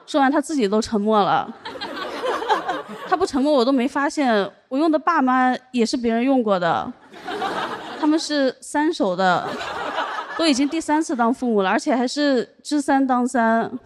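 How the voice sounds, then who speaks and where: A young woman performing a stand-up comedy set, telling her story deadpan and landing punchlines over audience laughter. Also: high-pitched, moderate pace, noisy background. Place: comedy stage with a live audience.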